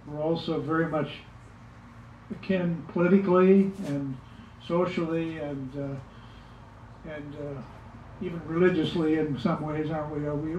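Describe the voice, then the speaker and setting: A man's voice: on the high side, a little mellow, a little hiss or hum. Older man, distant echoey room. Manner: rambling, with fillers and restarts. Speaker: musician speaking at an event. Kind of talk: casual remarks to an audience. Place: music shop, indoors. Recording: echoey room from far off, dull lo-fi.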